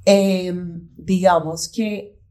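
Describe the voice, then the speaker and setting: A woman from Colombia with a Paisa accent, in her thirties, chatting casually as a podcast guest and lively acting out quotes. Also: on the low side, drawn-out words. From Colombia, Pereira. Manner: animated, acts out her child's voice in quotes. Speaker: guest, mother and entrepreneur. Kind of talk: casual conversational chat.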